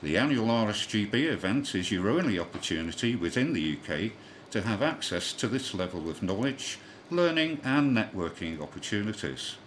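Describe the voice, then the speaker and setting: A man with a lowish voice and big pitch swings reads a scripted amateur radio news bulletin at normal speed, newsreader style. He spells out callsigns in the phonetic alphabet and slips now and then. The audio is a clearly noisy shortwave radio broadcast.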